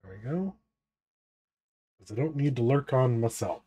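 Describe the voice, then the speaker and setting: A man's voice: medium pitch, animated, moderate pace, mellow, breathy edge. A man streaming games live, chatting casually and playfully with his viewers and laughing often. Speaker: variety game streamer.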